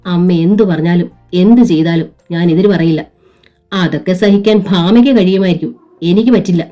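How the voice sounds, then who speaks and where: A woman's voice: lowish voice, normal speed, dark tone, lightly acted. A woman voicing a wronged young mother who answers with tearful, indignant defiance, in a dull lo-fi recording with faint music. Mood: bitter.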